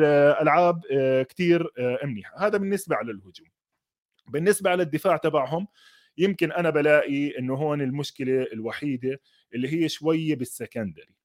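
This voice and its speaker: A man with a Levantine Arabic accent talks sport in a casual, off-the-cuff way as an analyst. His voice sits a little high, and he speaks very quickly, dropping English terms into his sentences. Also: darkish tone. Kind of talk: casual unscripted football commentary.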